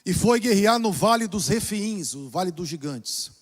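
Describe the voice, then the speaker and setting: A man preaching a sermon as pastor, dramatically shifting between soft, low passages and loud exclamations. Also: lively intonation, normal speed. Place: church. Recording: long reverb of a church hall.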